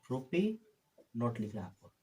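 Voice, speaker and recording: A man's voice: medium pitch, big pitch swings, unhurried, dark tone. A man giving a repetitive, friendly English grammar lesson as a tutor, often calling his viewers friends.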